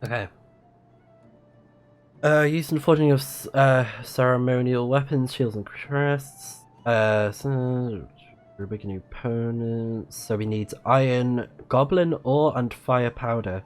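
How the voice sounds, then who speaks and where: A mid-range voice at a slow pace narrates a livestreamed game session. The player murmurs reactions, makes offhand comments, and reads the displayed text aloud over the game's music.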